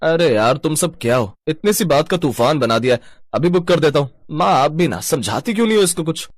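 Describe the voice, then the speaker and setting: An impatient young husband in a cartoon story, voiced by a man, brushing off the fuss. The voice sits fairly high for a man and sounds dry and close. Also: animated, a little fast, no room sound. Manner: impatient, dismissive.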